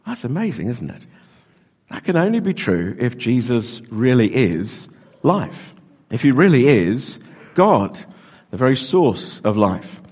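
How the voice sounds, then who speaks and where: A middle-aged man preaching an interactive sermon as pastor, lively and joking as he draws in the congregation. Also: medium pitch, measured pace, slightly rough. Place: large church with long reverb. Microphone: handheld microphone. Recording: echoey church hall reverb.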